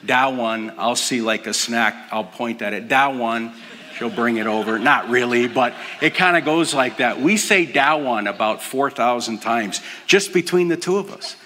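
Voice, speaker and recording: An older man preaching with a bright, forward tone, earnest and dropping to a hush to stress a point. His voice rings out with a long reverb in a large hall. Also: medium pitch, moderate pace, hardly any pauses, a little hiss or hum. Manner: earnest, drops to a soft hush for emphasis. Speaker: pastor. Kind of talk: sermon.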